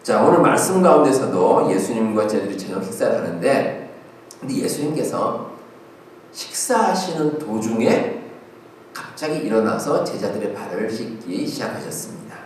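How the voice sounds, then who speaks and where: A man's voice: lowish voice, animated, normal speed, a little mellow, slight background noise. A male pastor giving a conversational sermon with fillers and rhetorical questions. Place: church sanctuary. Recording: echoey church hall, mic at a distance.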